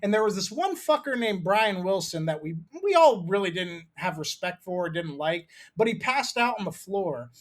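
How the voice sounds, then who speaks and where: A man's voice: sits high, sing-song, moderate pace, hardly any pauses. A man in his thirties from Maryland, co-hosting a podcast and telling a rambling, profane story in casual chat. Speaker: podcast co-host.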